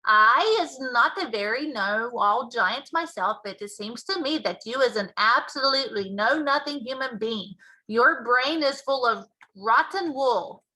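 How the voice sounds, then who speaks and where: A woman voicing an old, friendly but grand and indignant male giant in a children's storybook, with emphatic drawn-out words and mangled grammar. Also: fairly high pitch, animated, bright, forceful tone, poor audio. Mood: grand, scornful. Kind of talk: children's storybook read-aloud.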